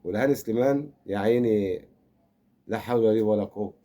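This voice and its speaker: Teasing older Egyptian man, mellow voice. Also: on the low side, a little fast. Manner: rambling, teasing, mock-consoling. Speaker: football fan commentator. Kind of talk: comic football rant.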